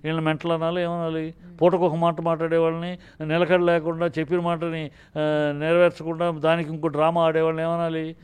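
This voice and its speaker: A man's voice: a little high, monotone, a little fast, darkish tone, clean tone. A man, a film producer, talking combatively in a heated interview, indignant and often breaking off mid-word to restart. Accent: Telugu.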